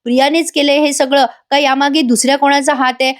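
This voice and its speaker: A woman's voice: high voice, flat delivery, quick pace. A woman doing a chatty voice-over recap of a TV serial, speaking directly to viewers. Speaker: TV serial reviewer.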